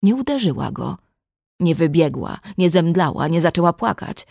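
A woman narrates a novel in a measured, emotive audiobook reading. Her voice sits fairly low. The sound is dry and close, with no room echo. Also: lively intonation, gravelly, darkish tone.

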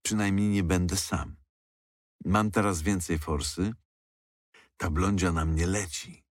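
A man narrating an audiobook in a calm, even reading manner. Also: deep voice, slow, dry recording, studio quality.

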